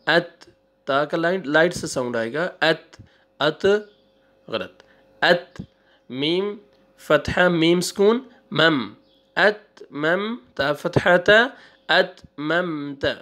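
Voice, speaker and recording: A male Quran teacher spelling out syllables one by one, drawing out the recited words and giving quick asides between them. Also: a little high, animated, a bit bright. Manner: slow drawn-out recitation, then quick asides. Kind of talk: spelling out syllables in a reading lesson.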